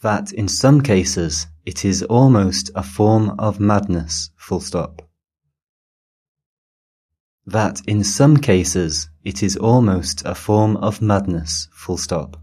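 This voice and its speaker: A man's voice: lowish voice, slow pace, hardly any pauses, warm tone, husky. A man reading a dictation aloud, repeating each phrase and saying the punctuation. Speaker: dictation reader. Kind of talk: slow dictation read aloud.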